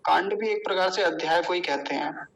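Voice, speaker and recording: A man teaching the correct pronunciation of a Sanskrit mantra, repeating each word slowly and chanting the full verse. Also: sits high, a bit bright, slight background noise, low-quality recording. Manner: slow, deliberate syllable-by-syllable drilling. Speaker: Vedic recitation teacher.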